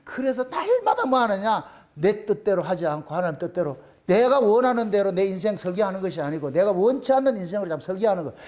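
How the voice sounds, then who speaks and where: A middle-aged man, preaching a sermon as pastor, telling stories animatedly and dropping low to voice God's replies. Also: sing-song, fast, few pauses, darkish tone.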